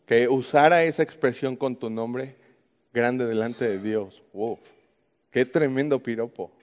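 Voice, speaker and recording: A man's voice: medium pitch, measured pace. A man with a Mexican accent teaching from the Bible in a conversational way, often asking the listener questions. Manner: talks to the listener with frequent questions. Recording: muffled with long hall reverb.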